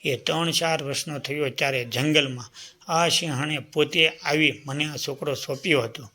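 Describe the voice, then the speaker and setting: A man's voice: a little high, bright, forceful tone. A man doing an earnest herder foster father. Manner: measured, earnest pleading. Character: loyal male cattle-herder, steady and earnest foster father.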